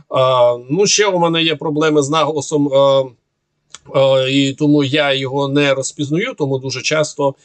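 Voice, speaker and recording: A man's voice: mid-range voice, no echo. A man analysing the war and answering viewers' questions in an unscripted monologue, sarcastic and argumentative, with many hesitations and filler sounds.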